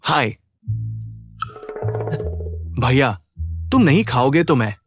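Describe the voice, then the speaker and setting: A man's voice: medium pitch, sing-song, slow, breathy edge, dry recording, highs cut off, faint music behind, exaggerated voice. A young man dubbing a petulant son who pleads and complains. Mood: grumbling. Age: young adult. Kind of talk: dubbed drama acting.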